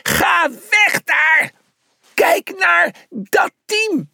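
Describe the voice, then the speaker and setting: A narrator voicing a bossy male zebra leader in a children's storybook, shouting and exasperated. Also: extremely high pitch, big pitch swings, takes it slowly, dry recording, studio quality, voice pushed up, heavily acted. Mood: yelling.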